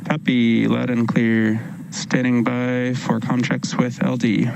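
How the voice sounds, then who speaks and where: A man's voice: mid-range voice, monotone, slow pace, creaky. A man on astronaut radio from launch control, making procedural comm checks. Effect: radio transmission. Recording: noisy radio loop.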